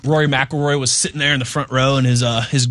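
A man's voice: mid-range voice, flat delivery, fast talker, fairly bright tone, dry recording. A man co-hosting a sports radio show, chatting casually with a chuckle in his voice. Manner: laid-back, chuckling, conversational.

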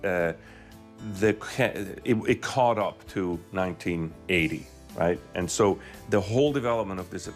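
Middle-aged man, low voice. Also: normal speed, faint music behind. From Switzerland. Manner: thoughtful, with frequent restarts and repeated words. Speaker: guest, university professor. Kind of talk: casual interview storytelling.

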